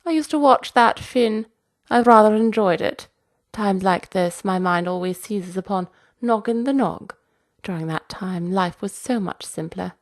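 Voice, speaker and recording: A woman's voice: mid-range voice, unhurried, hardly any pauses, close to an everyday voice. A woman voicing an imperious elderly queen who barks commands in a haughty manner. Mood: wistful, grand. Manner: haughty, barking orders.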